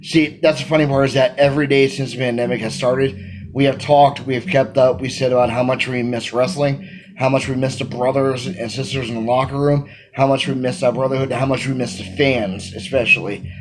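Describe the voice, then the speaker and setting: A man's voice: medium pitch, fairly quick, crowd noise, poor audio. A man in his thirties, a wrestling manager answering interview questions he reads aloud, talking emphatically into a phone camera in a small room at home. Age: 30s. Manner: energetic, emphatic, gestures a lot. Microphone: phone camera at arm's length.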